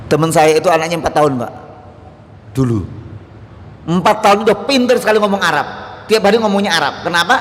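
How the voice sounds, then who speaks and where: Javanese guy preaching in a mosque, jokey stories, fairly high voice, lots of hall echo. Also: lively intonation, fast, pauses often. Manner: humorous storytelling, acts out quoted dialogue; rises to loud emphatic lists. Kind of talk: mosque sermon.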